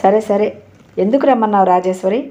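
Gruff scolding uncle, as a woman reads him. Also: medium pitch, a little fast, warm tone, close to an everyday voice. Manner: gruff, chiding. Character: stern middle-aged uncle, brusque, scolding.

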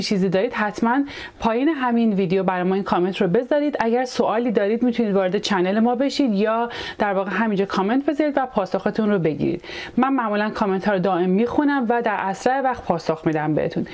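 A young adult woman with a Persian accent, an English teacher explaining verbs step by step in a video lesson and repeating example sentences slowly. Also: mid-range voice, expressive, a little mellow.

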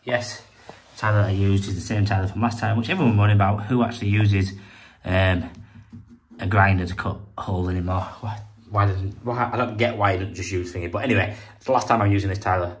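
A man's voice: lowish voice, fairly even intonation, fast talker, slight background noise. A British man working as a plumber, chatting casually to camera as he finishes a bathroom job, a bit out of breath, rambling and poking fun at himself. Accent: British English. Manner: chatty, rambling, self-deprecating. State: slightly out of breath. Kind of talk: casual work vlog, talking to camera. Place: bathroom being renovated, indoors.

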